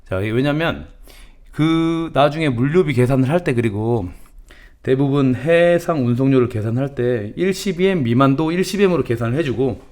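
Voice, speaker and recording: A man's voice: mid-range voice, darkish tone. Folksy middle-aged man explaining importing. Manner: folksy, calls himself grandma, banmal to viewers. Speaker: channel host teaching importing. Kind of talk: casual instructional talk.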